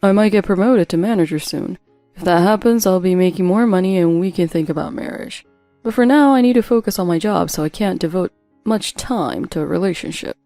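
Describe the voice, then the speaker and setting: A woman voicing a charming but manipulative young man in a narrated story, speaking in a calm, smooth-talking way. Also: on the low side, a little fast, dry recording, soft background music, close to an everyday voice. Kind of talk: story narration with voiced quotes.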